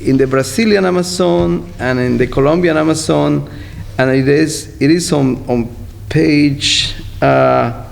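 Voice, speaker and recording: A gravelly, fairly high-pitched man, a poet being interviewed, talks and reads a poem in an echoey hall with faint background noise. His speech is halting and searching, and he repeats words.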